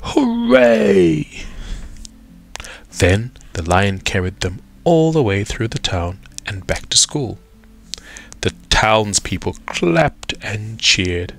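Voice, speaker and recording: Male storyteller, very low voice, lively animated delivery, unhurried pace. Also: soft background music. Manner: expressive, dramatic pauses. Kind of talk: children's storybook read-aloud.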